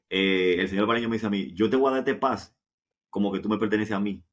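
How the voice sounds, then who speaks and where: Low-voiced Dominican man telling stories. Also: moderate pace. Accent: Dominican Caribbean Spanish. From Dominican Republic. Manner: conversational, often asks rhetorical questions and repeats himself. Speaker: interview guest, professional football goalkeeper. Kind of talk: casual anecdotal storytelling.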